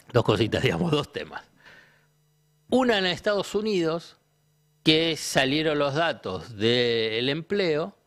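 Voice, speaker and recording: With an Argentine Spanish accent, a man appearing as a guest economist on a talk show lays out his ideas by asking questions and then answering them. His voice is medium-pitched and fairly bright.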